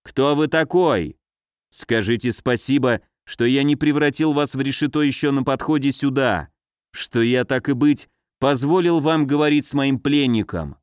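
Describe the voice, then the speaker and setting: A man playing a gruff, threatening rebel leader. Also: medium pitch, normal speed, no room sound, clean studio sound, natural voice. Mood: furious. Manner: rough, threatening, shouting.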